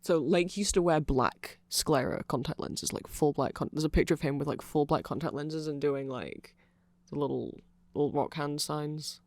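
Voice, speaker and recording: A gravelly, medium-pitched voice at a moderate pace belongs to a host telling the listener about a band's history and lore. Think rambling, casual ASMR from a chatty, nerdy fan who keeps correcting themselves, recorded without echo.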